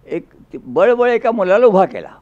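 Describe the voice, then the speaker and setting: A man's voice: high-pitched, big pitch swings, normal speed, a little mellow, dull audio. A man giving a folksy storytelling speech, acting out dialogue in a rural dialect. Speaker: public speaker.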